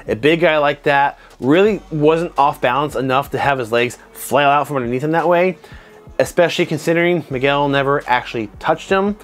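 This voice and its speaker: Animated man breaking down a fight scene. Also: medium pitch. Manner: animated, conversational, self-described nitpicker. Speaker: martial arts instructor reviewing fight scenes. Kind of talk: analytical commentary to camera. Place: home studio room with desk lamp and monitors. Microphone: clip-on lapel mic.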